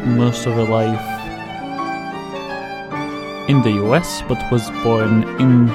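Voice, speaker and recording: Over loud classical viola and piano music, a male radio host who speaks Portuguese as his first language offers casual, hesitant, rambling commentary with frequent repeated words. His voice is medium-pitched, fairly even and slow-paced.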